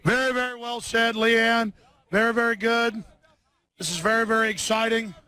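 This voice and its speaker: A man's voice: very high voice, level tone, normal speed, sharp tone. A man hosting a live broadcast from an outdoor rally. He rambles sarcastically, sounds tired, and trips over his words. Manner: sarcastic, scattered, lots of restarts. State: short on sleep. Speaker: live-stream host.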